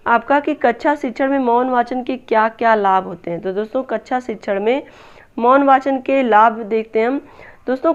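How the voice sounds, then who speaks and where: A woman with a fairly high, smooth voice explains exam answers patiently, one step at a time, and keeps addressing her viewers as friends. The recording sounds a little dull and lo-fi. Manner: repeats "दोस्तों", asks and answers own questions. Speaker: teacher exam-prep tutor. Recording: slightly dull lo-fi audio.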